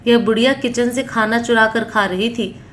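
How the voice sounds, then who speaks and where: A woman voicing a harsh, scornful grown son in a storybook tale, read in her own fairly high voice. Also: steady tone, normal speed, slight background noise, natural voice. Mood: angry. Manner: angry, contemptuous.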